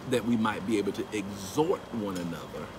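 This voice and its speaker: This is a casual storytelling vlog with preaching, filmed outdoors by a pool at a house on a phone held at arm's length. The middle-aged man's fairly low voice moves fairly quickly, growing animated and rising into emphatic preaching as he quotes scripture. The outdoor recording carries steady background noise.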